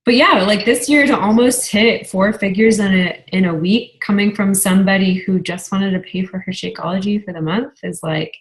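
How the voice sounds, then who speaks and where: A woman's voice: medium pitch, moderate pace, few pauses, rough recording. A woman chatting casually as a fitness business coach over a video call whose audio stutters and cuts out from an unstable connection, with frequent "like" fillers. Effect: choppy, stuttering audio from an unstable internet connection.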